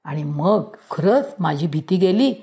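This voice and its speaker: A woman reading a storybook aloud in a lively way, acting out each character's voice. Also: on the low side, slow.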